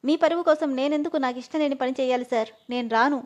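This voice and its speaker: A woman's voice: sits high, fast talker, lightly acted. A woman voicing a timid young village woman who speaks in a tearful, pleading way. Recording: dull lo-fi audio.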